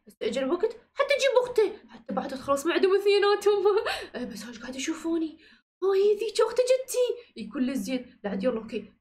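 A woman with an Iraqi Arabic accent narrating and acting out a Minecraft role-play, with excitable, frightened exclamations. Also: very high voice. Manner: excitable, breathless exclamations of fear. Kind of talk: acted game role-play voiceover.

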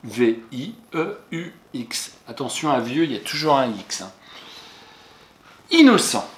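A male teacher patiently going over exercise answers for a young pupil, speaking to them directly and spelling words out letter by letter. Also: mid-range voice. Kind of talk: classroom lesson correction for young pupils. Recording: echoey room.

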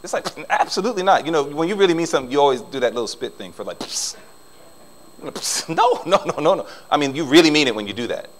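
A middle-aged man preaching a sermon in a church, swinging between loud emphasis and soft asides. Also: fairly high pitch, sing-song, rapid-fire, few pauses, poor audio. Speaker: pastor. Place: church sanctuary.

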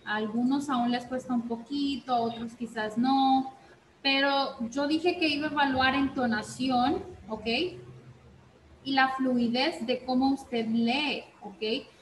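A woman teaches a reading class, her voice high and her pace unhurried. She keeps checking in with short questions and moves between two languages. The room is echoey, with a faint hiss behind her. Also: steady tone. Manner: slow, repeats "¿ok?" often, switches between Spanish and English. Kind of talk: online class instruction.

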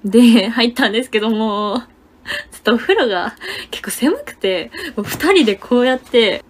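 A young woman telling a story in casual livestream chat, animated and laughing often, with lots of fillers. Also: fairly high pitch, moderate pace, slight background noise. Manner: chatty, many fillers and gesturing words. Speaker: idol livestreamer.

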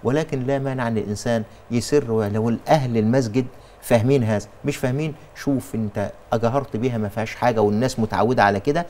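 A man's voice: mid-range voice, very fast, a little mellow. A man with an Egyptian accent answering religious questions in a TV studio, explaining with emphasis and frequent restarts.

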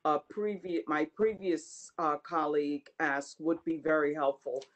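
A woman from a community board speaking haltingly with many ums on a video call meeting. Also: low voice, steady tone, low-quality recording. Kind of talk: asking questions at a public meeting.

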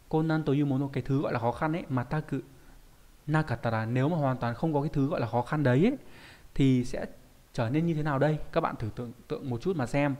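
A man teaching a Japanese reading lesson in Vietnamese, posing rhetorical questions and answering them himself, and reading Japanese lines out slowly. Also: medium pitch, darkish tone, big-room sound.

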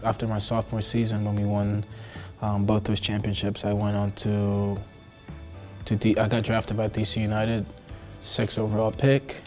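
A man in his twenties from Costa Rica, a soccer player answering interview questions in a halting way, with frequent fillers and restarts. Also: fairly low pitch, monotone, a little mellow, faint music behind. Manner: hesitant, many fillers and restarts. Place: indoor studio backdrop.

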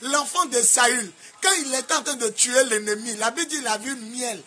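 A man from Côte d'Ivoire with an Ivorian French accent, preaching a sermon in a sing-song cadence with sudden shouts. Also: very high voice, normal speed, slight background noise. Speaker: apostle preacher.

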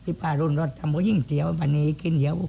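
Rustic clown, played by a man, southern Thai accent, creaky voice, crude and bickering slapstick banter for shadow puppetry. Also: fairly high pitch, level tone, rapid-fire, mellow. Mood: bickering, silly. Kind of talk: comic shadow-puppet dialogue.

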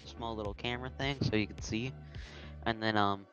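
A man's voice: on the low side, steady tone, moderate pace, a bit bright, highs cut off, faint music behind. A man chatting casually with a friend while gaming, in a teasing, argumentative way. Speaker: gamer.

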